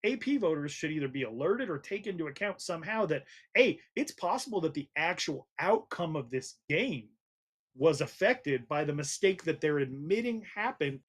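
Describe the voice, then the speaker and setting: A man's voice: fairly high pitch, very animated, normal speed. A man hosting a college football podcast, arguing his point in an emphatic, casual debate. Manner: argumentative, emphatic. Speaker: podcast host.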